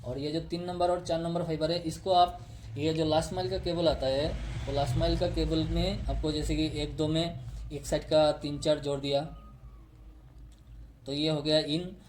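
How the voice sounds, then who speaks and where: A man's voice: on the high side, flat delivery, normal speed, darkish tone, slight background noise. A man explaining step by step how fiber optic cables are tapped and connected, pointing to a diagram he drew. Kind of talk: technical tutorial.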